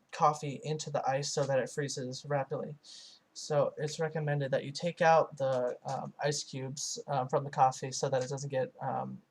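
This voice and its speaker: A man voicing a live translation over a foreign-language source. He speaks in a narrow, level pitch band and keeps a middle pitch. He pauses and hesitates often, with many filler sounds and restarted phrases. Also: vocal fry. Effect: live translation voiced over a foreign-language source. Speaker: student interpreter. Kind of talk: simultaneous interpretation voice-over.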